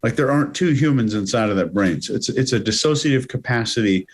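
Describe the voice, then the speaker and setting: A man's voice: mid-range voice, animated, quick pace, slightly rough. A man on a panel discussion who jokes and then lectures, walking through word definitions. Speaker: panel analyst. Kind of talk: casual panel commentary.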